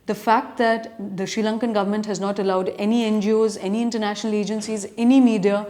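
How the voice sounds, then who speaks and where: A woman's voice: medium pitch, flat delivery, quick pace, warm tone. A woman with an educated urban Indian accent, speaking as a journalist answering reader questions, earnest and argumentative in long, considered sentences. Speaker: journalist and editorial commentator. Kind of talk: answering reader questions in spoken editorial commentary.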